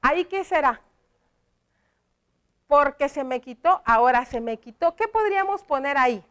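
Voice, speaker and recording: A woman's voice: high voice, animated, moderate pace, fairly bright tone. A woman teaching a televised primary lesson, patiently asking the children questions and praising their answers.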